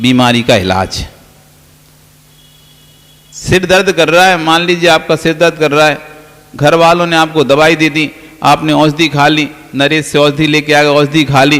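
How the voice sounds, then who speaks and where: A Jain monk with a fairly high-pitched, slightly bright voice delivers a sermon full of everyday stories, playful quoted exchanges, and the occasional laugh. The hall's long reverb is audible on the recording.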